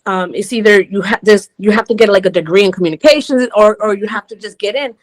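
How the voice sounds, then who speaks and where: A woman in her forties from Rhode Island, a DJ guest telling her story in a relaxed interview, laughing easily. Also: mid-range voice, quick pace. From Rhode Island, United States. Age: 40s. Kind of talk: casual interview chat.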